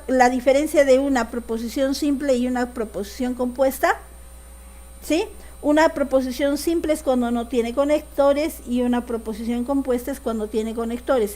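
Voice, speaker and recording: A woman's voice: sits high, a little mellow. A woman teaching a secondary school logic lesson, often checking that the class follows. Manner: asks the class frequent check questions.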